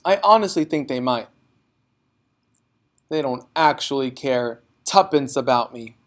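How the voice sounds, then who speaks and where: A man's voice: medium pitch, expressive, unhurried, natural voice. A man voicing a distraught young girl in a storybook, exclaiming and pleading with urgency and eagerness. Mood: eager, urgent.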